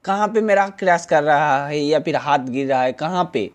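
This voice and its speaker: Playful Indian man streaming a game. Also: normal speed. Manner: playful, mock-scolding, jumps from low grumble to high yelps. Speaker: gaming streamer. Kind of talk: live gameplay commentary. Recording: noisy game stream with car sounds.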